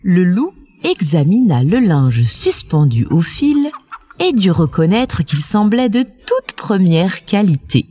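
A woman reading a children's storybook aloud, expressive and unhurried. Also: on the low side.

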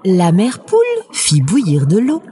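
A woman reading a children's storybook aloud, expressive and unhurried. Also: lowish voice, slight background noise.

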